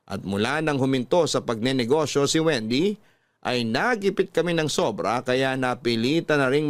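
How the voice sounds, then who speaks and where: This is a dry studio recording of a Filipino man at medium pitch, hosting a radio drama and narrating a listener's letter with scripted, dramatic flair. Music plays in the background.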